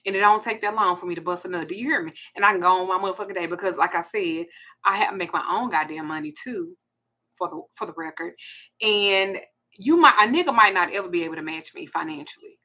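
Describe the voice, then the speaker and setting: A woman's voice: on the low side, fast talker, pushed and bright. A woman, hosting a blunt, profane ranting monologue. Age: 40s. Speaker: host.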